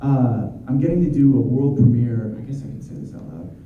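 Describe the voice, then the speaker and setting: Animated and brisk, a medium-pitched voice actor in his thirties chats his way through fan questions at a convention panel, rambling with lots of fillers and restarts. The echoey hall is recorded from far off and sounds muffled, with a little hiss or hum.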